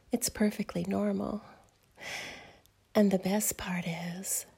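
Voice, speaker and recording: In full character voice, a woman portrays a teasing adult female fairy who dotes on the listener in a whispered roleplay. Her medium-pitched whisper is breathy and soft, delivered slowly to coax.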